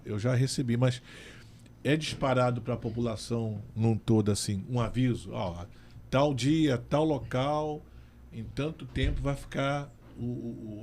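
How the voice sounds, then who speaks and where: A man's voice: medium pitch, a little mellow, slight background noise. A man who is a city councillor, moderating a public question session and speaking firmly, with some restarts. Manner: firm, scolding at times, with restarts.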